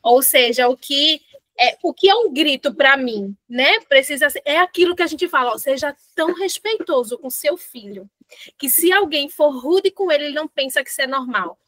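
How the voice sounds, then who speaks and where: A middle-aged woman, a parent educator hosting a book club, talking in an animated, reflective way with many fillers. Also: high voice, moderate pace, no echo. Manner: animated, uses fillers like "né" and "assim", reads quotes aloud. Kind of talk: casual reflective talk with read-aloud passages.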